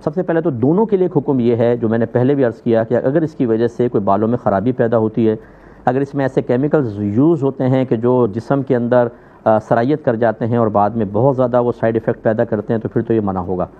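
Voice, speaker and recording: A man from Pakistan, a mufti, calmly answering religious questions in a measured, methodical way. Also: mid-range voice. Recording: phone-like narrow band.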